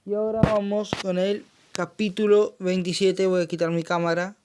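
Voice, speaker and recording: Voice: medium pitch, little pitch movement, moderate pace, noisy background. A speaker explains and reads Bible passages in an informal study. They hesitate often, correct themselves and add amen, recorded on a handheld phone. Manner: hesitant, full of fillers and self-corrections, says amen often.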